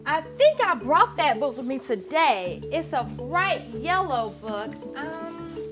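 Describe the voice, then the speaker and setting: A woman's voice: high-pitched, sing-song, takes it slowly, music in the background, exaggerated voice. A woman playing an encouraging poetry teacher on a children's show, in a broad singsong delivery. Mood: upbeat, teaching. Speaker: teacher, show's star. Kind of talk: scripted children's show acting. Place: indoor TV studio set, light music behind.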